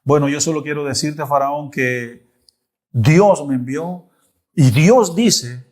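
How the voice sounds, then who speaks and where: A man's voice: fairly high pitch, slow pace, darkish tone. A man voicing Moses as a timid, hesitant prophet in a retold Bible story. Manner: hesitant, pleading.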